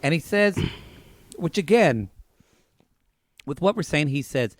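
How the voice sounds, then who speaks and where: A man co-hosting a casual podcast recap, retelling scenes with wry, deadpan quips. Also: a little high, slow pace, no room sound, clean studio sound. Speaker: podcast co-host.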